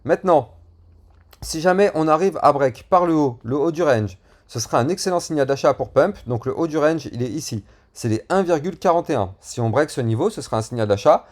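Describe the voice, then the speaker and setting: A crypto YouTuber with a slightly high voice and lively intonation talks a little fast as he casually goes over price charts and promotes his channel. He's chatty, sprinkling in lots of fillers and slang.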